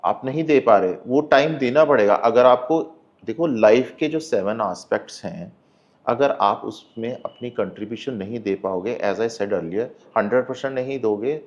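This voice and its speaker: A man's voice: medium pitch, moderate pace, dull audio. Earnest male life coach, Hindi-English mix. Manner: earnest, emphatic, mixes Hindi with English phrases. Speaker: life coach and hypnotherapist guest. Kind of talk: podcast interview, advice talk.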